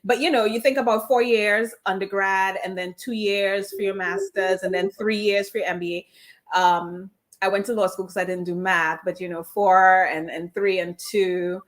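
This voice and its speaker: In a conversational interview over a video call, an immigration attorney talks candidly, restarting her phrases often. Her mid-range voice carries a slight Trinidadian accent and stays steady at a moderate pace.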